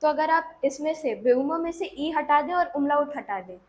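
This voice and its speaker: A woman teaching German pronunciation in an online lesson, slowing down to model each word and encouraging learners to repeat after her. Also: sits high, animated, a little mellow, rough recording.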